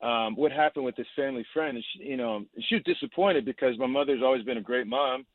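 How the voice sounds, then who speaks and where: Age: 50s. Sex: man. Role: call-in caller. Sound: tinny dry phone line, speakerphone call from a car. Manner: halting, hesitant. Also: medium pitch, no room sound. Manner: halting, hesitant, repeats himself. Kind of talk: call-in confession.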